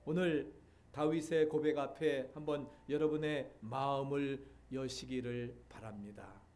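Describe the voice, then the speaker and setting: A middle-aged man from Seoul, a pastor delivering a sermon in a measured way, pausing often with fillers. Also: mid-range voice, fairly even intonation, darkish tone. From Seoul, South Korea. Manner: measured preaching with frequent filler pauses.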